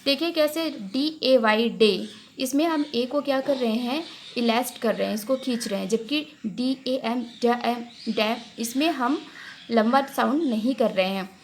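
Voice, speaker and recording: Woman, raised pitch, patient teacher voice-over, stretches each example word. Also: a little hiss or hum. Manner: drawn-out example words, frequent "theek hai" check-ins. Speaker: English teacher. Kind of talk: explanatory lesson voice-over.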